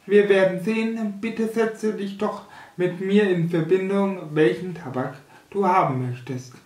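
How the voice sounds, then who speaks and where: A man in his thirties making a casual announcement to camera as a video host, measured and hesitant, recorded in a small room from a distance. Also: high-pitched, a little mellow. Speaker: YouTube host of a pipe smokers' channel. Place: small furnished room indoors. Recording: roomy echo, distant microphone.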